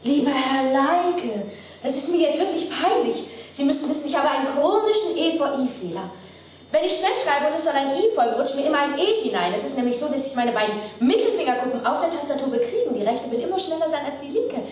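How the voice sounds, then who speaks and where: Fast, chatty woman, very echoey stage. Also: high voice, lively intonation, a little mellow. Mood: apologetic, explaining. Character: chatty, apologetic woman composing emails. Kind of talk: stage monologue in rehearsal. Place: theater rehearsal stage. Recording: echoey stage, distant mic.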